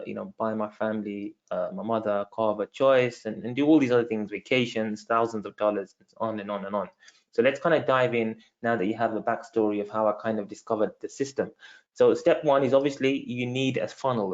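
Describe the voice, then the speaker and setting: This is a lowish male voice captured with lo-fi sound. A Londoner with a London accent, he's hosting a live sales-training webinar on online marketing, chatting loosely, using many fillers, and calling the people watching "guys."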